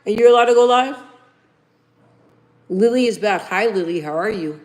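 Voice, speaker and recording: A woman in her thirties hosts a casual livestream, reading viewers' comments aloud and chatting informally, calling them "you guys." Her voice sits in the mid range with a darkish tone, and she speaks at a normal speed.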